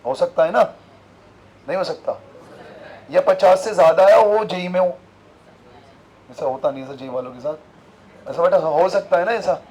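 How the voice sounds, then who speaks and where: A man's voice: high-pitched, moderate pace, pauses often, a little mellow, low-quality recording. A man teaching a physics class, constantly asking his students questions and repeating the key terms. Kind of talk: classroom lecture.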